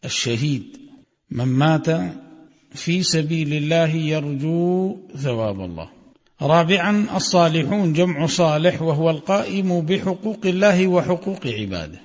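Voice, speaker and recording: A man teaches from a classical text, reading each passage and then explaining it phrase by phrase. His voice sits a little high, and he breaks into a melodic chant for quotations. The sound is muffled and carries a long hall echo. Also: expressive. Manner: measured, recites quoted passages with melodic chanting. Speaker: religious teacher. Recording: dull audio with long hall reverb.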